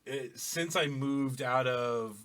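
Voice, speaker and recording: A man's voice: mid-range voice, takes it slowly, a bit bright. Reflective man musing in casual chat. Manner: reflective and rambling, with restarts and swearing. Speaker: podcast co-host.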